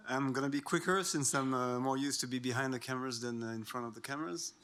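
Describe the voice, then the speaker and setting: Male cameraman, mid pitch, short off-the-cuff thanks, light background noise. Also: fast talker. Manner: brief, with fillers. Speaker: cameraman, award winner. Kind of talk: unscripted acceptance speech.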